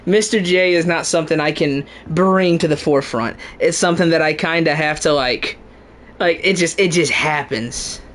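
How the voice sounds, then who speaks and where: A man's voice: fairly high pitch, normal speed, a bit bright. A young man from the American South chatting casually with his stream while playing a game, joking around as he talks. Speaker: gaming streamer. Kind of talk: casual gameplay commentary.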